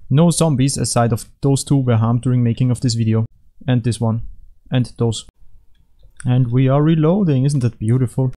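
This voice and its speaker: Mellow-voiced man joking over gameplay. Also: mid-range voice, moderate pace. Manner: deadpan, rambling, jokey asides. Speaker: gaming commentator.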